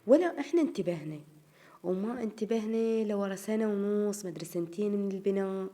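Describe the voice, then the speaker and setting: A home vlogger with an Iraqi Arabic accent chats casually with her viewers, calling them girls, as she narrates her home routine. Her mid-range voice is expressive, brisk and warm, though a little tired and strained.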